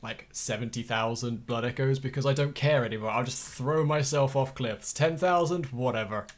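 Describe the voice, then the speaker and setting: A man's voice: mid-range voice, normal speed. A tired man giving wry, rambling, self-mocking commentary while live-streaming a video game. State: tired, yawning. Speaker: let's play streamer. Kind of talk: casual live gameplay commentary.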